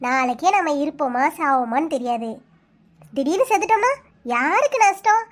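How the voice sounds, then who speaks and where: A woman's voice: high-pitched, lively intonation, moderate pace. A woman voicing a carefree, cheerful young woman who talks breezily in a Kanyakumari Tamil accent, in a cartoon. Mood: breezy. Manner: breezy, teasing.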